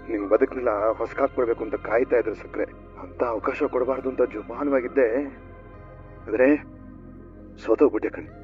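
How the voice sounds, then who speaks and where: An actor playing a patient son-in-law in a TV serial, speaking in a soothing, measured way. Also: male voice, mid-range voice, lightly acted. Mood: defeated. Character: patient, steady son-in-law consoling family. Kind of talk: TV serial acting. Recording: tinny lo-fi TV audio with music.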